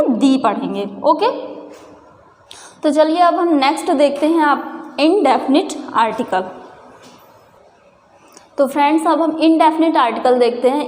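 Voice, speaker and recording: Female teacher, high-pitched, patient explainer, recorded in a reverberant room. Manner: patient, repeats questions to the viewer and answers them. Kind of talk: explaining a grammar lesson.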